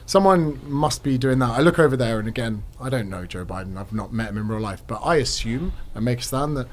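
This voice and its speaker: Quick, chatty man with faint background hiss. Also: mid-range voice, expressive. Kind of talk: casual podcast talk.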